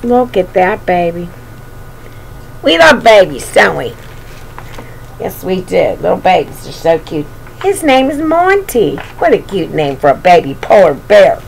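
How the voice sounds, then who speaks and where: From a bedroom at home, an older woman who hosts a show and reads children's storybooks shares a picture book with young children, breaking in with playful, singsong, chatty asides. Her fairly low, creaky voice swings widely in pitch at a measured pace. The low-quality recording has slight background noise.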